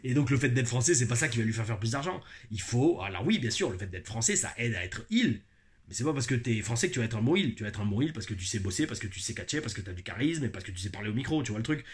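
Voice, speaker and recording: A man from France hosting a review show, talking in an animated, chatty way and laughing often. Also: mid-range voice, quick pace. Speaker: host of a wrestling review show. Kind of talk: casual chat.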